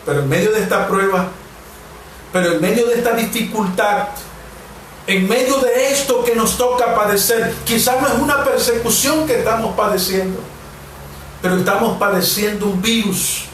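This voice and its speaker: A man in his forties from Mexico, a pastor preaching a devotional and then leading prayer, with slow, emphatic repetitions. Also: high-pitched. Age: 40s. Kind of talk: sermon and prayer. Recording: very echoey room, distant mic, faint hiss.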